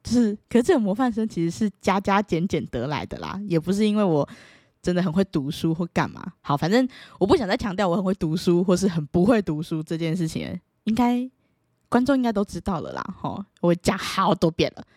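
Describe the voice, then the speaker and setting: Animated woman storyteller. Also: fairly quick, no room sound, studio quality. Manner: animated, playful, bursts into high excited exclamations. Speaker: vlogger. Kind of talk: casual storytelling to camera.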